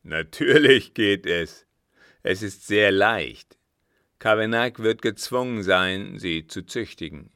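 Male reader doing a cold, plotting ex-officer, low and forceful, close dry audiobook read. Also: animated, slow pace, clear, resonant tone, no echo, exaggerated voice. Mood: scheming. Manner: louder and more forceful than narration. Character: scheming former guard captain, cold, calculating. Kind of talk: audiobook reading.

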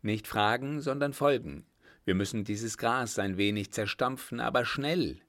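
A man's voice: medium pitch, unhurried, a bit bright. A man reading an audiobook, voicing a resolute young cavalry lieutenant who speaks firmly and gives orders. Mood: commanding. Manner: firm, commanding, reassuring.

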